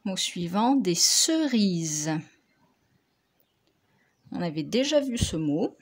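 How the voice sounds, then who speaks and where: A woman teacher, slowly dictating and correcting spelling words for young pupils, articulating each word carefully. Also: mid-range voice, very animated, gravelly, breathy edge. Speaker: primary school teacher.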